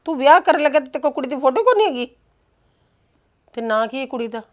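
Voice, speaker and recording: An actress playing a sharp-tongued middle-aged mother in a family web drama, scolding and mocking her grown son with theatrical exclamations. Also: high-pitched, expressive, fast talker.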